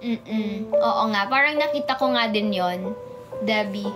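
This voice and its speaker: A woman's voice: mid-range voice, measured pace. A young Filipino woman chatting casually on a livestream, bubbly and chatty, reading comments and greeting viewers by name, a little tongue-tied from a sore in her mouth. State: sore mouth from a canker sore, stumbling over words. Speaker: idol livestreaming to fans. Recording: music playing in the background.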